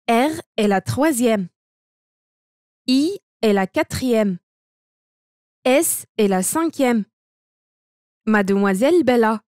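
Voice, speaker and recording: A woman reads a textbook lesson aloud at an unhurried, measured pace. She handles every part of the dialogue and the notation in the same steady, deliberate voice. The recording is close and dry, with no room sound. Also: a little high, no echo. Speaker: reader of a language textbook. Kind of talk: slow textbook read-aloud.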